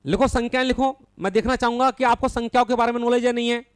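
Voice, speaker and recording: A man with a very high, smooth voice leads a live online maths lesson, reading out students' names and checking each answer. He corrects mistakes bluntly but patiently, calls his students "son", and counts through long runs of numbers in a steady recitation. The sound is dry and close. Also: rapid-fire, no echo. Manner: calls students by name, affectionately addresses them as son. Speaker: maths teacher.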